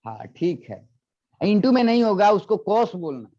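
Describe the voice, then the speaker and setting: A physics teacher lectures with a high, warm voice, very animated yet unhurried. He repeatedly asks questions and coaxes his students, heard through a dull lo-fi classroom recording.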